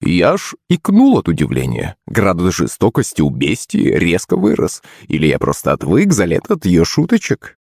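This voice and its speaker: A man's voice: sits low, wildly swooping pitch, normal speed, gravelly, hardly any pauses, a little mellow, breathy edge, no room sound, clean studio sound. A man reading a first-person audiobook story in a wry, ironic manner.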